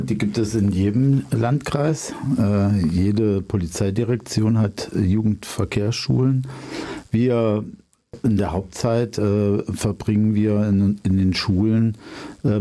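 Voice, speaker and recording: A man's voice: on the low side, mellow. A man in his fifties, a police traffic educator, explaining his work in a radio interview with frequent hesitations. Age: 50s. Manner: explaining, many fillers.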